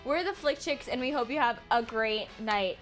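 A woman's voice: a little high, normal speed, fairly bright tone, faint music behind. Upbeat young woman podcast host. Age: young adult. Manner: giggly, upbeat. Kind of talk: casual podcast chat.

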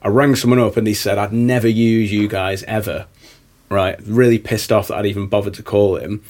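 A man telling sales stories in a casual podcast chat, dropping his voice low and calm when he quotes calls. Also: a little fast. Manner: storytelling, drops voice low and calm when quoting.

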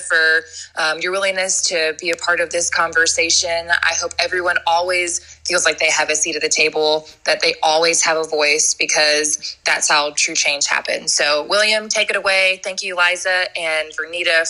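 A woman's voice: low-pitched, pushed and bright, rough recording. A woman co-hosting an event, giving earnest closing remarks. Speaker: event co-host.

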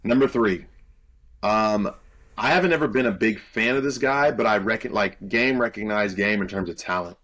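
A young man with a fairly low voice talks sports in an easygoing podcast chat. He sounds sure of his picks and fills his pauses with plenty of "um"s. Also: a bit bright. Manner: loose and confident, many "um" fillers. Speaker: podcast co-host and college football analyst.

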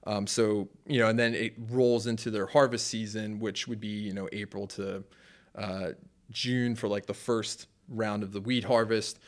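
A young man with a fairly low voice talks through church history on a podcast. He rambles, restarts and leans on fillers like "you know" and "like", keeping it loose and conversational. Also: flat delivery, moderate pace. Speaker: pastor and podcast co-host. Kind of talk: casual podcast discussion.

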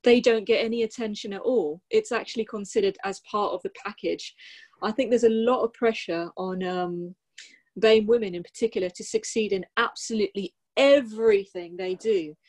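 A woman talks casually in a thoughtful, wry way. She often pauses with ums as she works through her points. Her voice sits at an ordinary middle pitch. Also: darkish tone. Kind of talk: casual chat.

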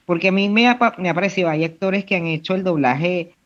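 A woman, co-hosting a podcast, expressive and thinking aloud. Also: lowish voice, quick pace. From Venezuela. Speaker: podcast co-host, trained actress. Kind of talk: casual podcast chat. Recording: dull lo-fi audio.

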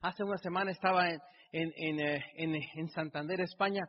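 A man's voice: a little high, fairly even intonation, moderate pace, a little hiss or hum. A middle-aged man gives an emotional motivational speech, building up through repeated phrases. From Mexico. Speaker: motivational speaker. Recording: dull sound in a reverberant hall.

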